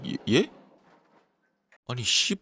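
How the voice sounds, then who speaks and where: A man's voice: very slow, pushed and bright, no echo. A man streaming a horror game, jumpy and talking to himself and the screen, reading the game text aloud. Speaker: gaming streamer. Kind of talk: horror game let's-play commentary.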